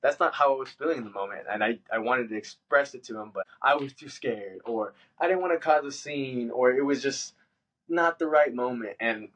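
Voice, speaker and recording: A man telling a story in casual podcast chat, swearing freely and jumping into high-pitched voices when he quotes himself. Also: a little fast, a bit bright, low-quality recording. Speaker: podcast host.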